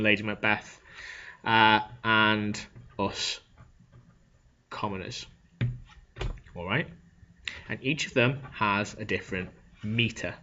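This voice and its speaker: A low-pitched man teaching a class, taking it slowly and breaking each idea down into steps. He keeps checking that his students follow with a quick "okay?". The recording is dull and lo-fi. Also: sharp tone, a little hiss or hum. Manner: explanatory, checks in with frequent "okay?". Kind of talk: classroom lecture on Shakespeare.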